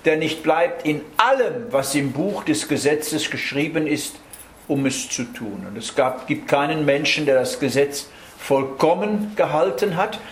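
Man, sermon Bible teaching, explanatory, somewhat high voice, echoey room. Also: lively intonation, unhurried, a little hiss or hum. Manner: explanatory, adds tag questions "nicht?". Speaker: preacher. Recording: roomy hall with faint ambience.

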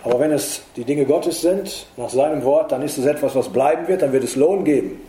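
Earnest middle-aged preacher in an echoey room. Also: male voice, brisk, warm tone, a little hiss or hum. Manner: earnest, emphatic, rises in pitch for stress. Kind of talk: sermon.

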